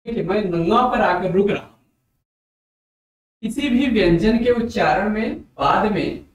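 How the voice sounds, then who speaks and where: A man teaching a Hindi grammar lesson for exam preparation, explaining slowly and repeating letters and sounds aloud for his students. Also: high-pitched, highs cut off. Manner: addresses viewers as dear friends. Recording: very echoey room.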